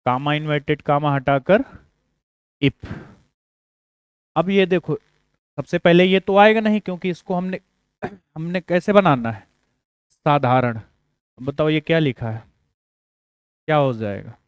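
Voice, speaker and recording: Hindi-accented guy teaching grammar, slow and clear, asks the class stuff, cracks little jokes. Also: a little high, lively intonation, no echo. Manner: slow, explains step by step with quiz questions and small jokes. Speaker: English teacher. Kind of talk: exam-prep grammar lesson.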